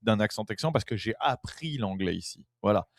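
Animated, emphatic man talking casually. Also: fairly low pitch, fairly quick. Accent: French. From France. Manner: animated, emphatic, repeats himself, swears casually. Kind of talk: casual chat.

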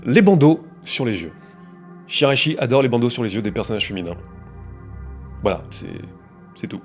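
Guy narrating a video essay, chatty and wry, mid-pitched, faint music behind. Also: lively intonation, normal speed. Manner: wry, conversational, with playful emphasis.

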